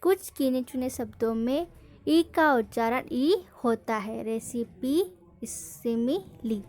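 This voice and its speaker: Slow, high-voiced woman teaching. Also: lively intonation, darkish tone. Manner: slow, drilling, asks questions then answers them. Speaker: English pronunciation teacher. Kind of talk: classroom-style lesson.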